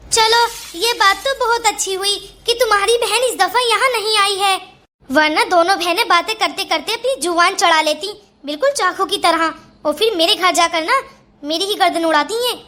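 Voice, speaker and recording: A woman's voice: very high-pitched, bright, forceful tone. A woman voicing a playful, teasing young husband in a cartoon story. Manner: joking, teasing tone. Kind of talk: cartoon voice acting.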